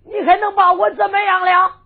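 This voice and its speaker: A woman with a Henan accent voicing a boastful, defiant young male hero, speaking more quietly and mockingly. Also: extremely high pitch, flat delivery, brisk, pitched above the performer's own voice. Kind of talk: sung storytelling with dialogue. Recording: tinny lo-fi recording with faint fiddle music.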